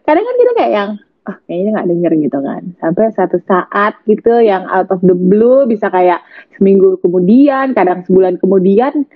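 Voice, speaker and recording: A woman's voice: medium pitch, big pitch swings, moderate pace, no echo. A woman in casual, slangy chat about parenting, laughing often and acting out quotes. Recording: tinny phone-line audio, dry.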